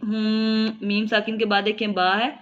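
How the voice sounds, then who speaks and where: A woman's voice: medium pitch, a bit bright, highs cut off, a little hiss or hum. Woman teaching Quran recitation rules. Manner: explains rules step by step, recites words slowly and drawn out. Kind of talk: tajweed lesson.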